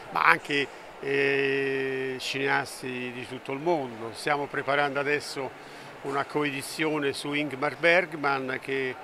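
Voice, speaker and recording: Older man talking at a noisy fair. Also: fairly high pitch. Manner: measured, explanatory, with hesitant fillers. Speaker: publisher. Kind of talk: trade fair interview. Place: busy book fair stand, indoors. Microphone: handheld mic held by interviewer. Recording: noisy fair hall ambience.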